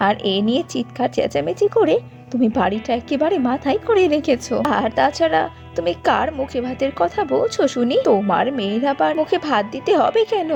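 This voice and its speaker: A woman voicing a sharp-tongued older mother-in-law in a cartoon, scolding and sneering. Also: sits high, vocal fry. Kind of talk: cartoon voice acting.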